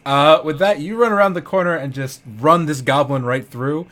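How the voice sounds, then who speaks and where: Bright-voiced man running a tabletop game. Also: on the high side, moderate pace. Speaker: game master. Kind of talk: casual tabletop game narration. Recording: faint background noise.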